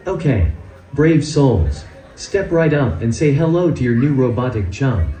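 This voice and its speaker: A sarcastic, grumpy robot assistant, voiced by a synthetic male text-to-speech voice delivers dry, mock-theatrical quips. The tone is mellow and soft, but the pitch swings in a lively, exaggerated way. The voice comes through a loudspeaker and echoes around a large hall. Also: measured pace.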